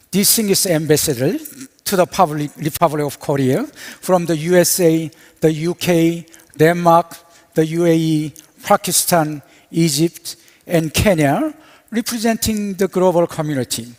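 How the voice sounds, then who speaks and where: A man, a university president, giving a measured, ceremonial welcoming speech on a symposium stage. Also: fairly high pitch, darkish tone. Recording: long reverb of a hall.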